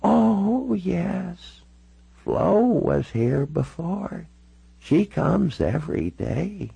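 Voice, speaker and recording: A gentle, confused old Canadian woman of ninety-six drifts through her words in a high, slow, quavering voice, as a man reads her in an audiobook. The sound is husky and dry, close to the mic. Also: big pitch swings, dry recording, heavily acted. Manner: drawn-out, wandering speech. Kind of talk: audiobook character voice.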